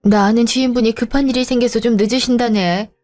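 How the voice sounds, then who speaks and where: A woman's voice: a little high, steady tone, fast talker, darkish tone, soft background music, natural voice. A woman voicing a chatty helpful friend. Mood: friendly.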